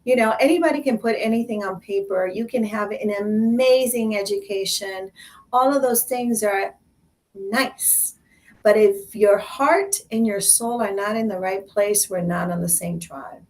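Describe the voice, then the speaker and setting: A woman's voice: medium pitch, slow, recorded from a distance. A woman hosting a talk show, chatting playfully and emphatically while switching between Spanish and English. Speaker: host. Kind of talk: casual bilingual talk show chat.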